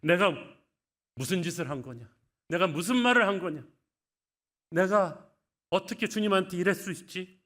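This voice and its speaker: A man's voice: sits high, expressive, moderate pace, long pauses, fairly bright tone, pitched above the performer's own voice. A preacher acting out a grown man crying out in shock and remorse for a wrong he has done. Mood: anguished. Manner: anguished, exclaiming.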